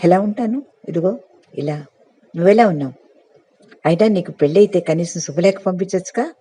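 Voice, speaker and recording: A man voicing an excited young woman in a storybook reading, asking eager, quick questions of an old friend. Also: high voice, slightly rough.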